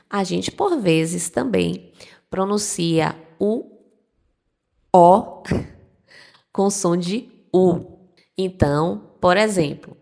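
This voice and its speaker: A woman teacher, explaining pronunciation to the camera patiently and spelling out examples slowly. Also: low voice, vocal fry. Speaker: Spanish teacher.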